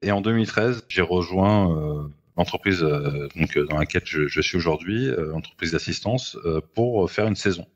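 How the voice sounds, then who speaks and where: A man's voice: sits low, normal speed. A man in his thirties giving a testimony about his work, hesitant and full of fillers. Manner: hesitant, many fillers and restarts. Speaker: assistance worker interviewee. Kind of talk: recorded testimony. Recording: dull lo-fi sound.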